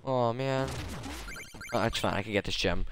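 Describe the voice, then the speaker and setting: A man playing a video game and talking over it on a home stream, excitable and quick to swear and yelp. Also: medium pitch, heavy background noise. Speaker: gameplay streamer. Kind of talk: casual let's-play commentary. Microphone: desk microphone.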